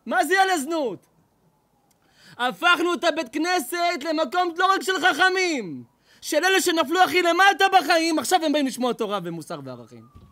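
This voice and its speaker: High, lively rabbi telling stories. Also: male voice. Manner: lively, laughing, exclaiming storyteller. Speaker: rabbi giving a talk. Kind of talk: animated sermon storytelling.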